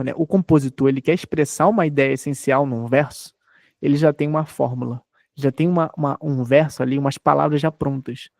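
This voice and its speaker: A man's voice: fairly high pitch, gravelly, darkish tone, no room sound, clean studio sound. A man in his thirties from Brazil, giving an online lecture, explaining patiently and checking in often with his students. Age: 30s. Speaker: teacher.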